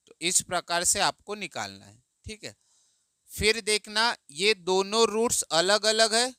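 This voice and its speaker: Man, math tutor, slow and patient, asks himself questions, smooth clear voice. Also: sits high, pushed and bright, no echo, clean studio sound. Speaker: math teacher. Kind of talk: explaining math step by step.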